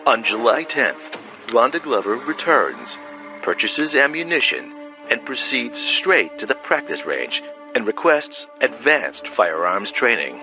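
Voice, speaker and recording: Expressive male true-crime narrator. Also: medium pitch, unhurried. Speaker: documentary narrator. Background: documentary music.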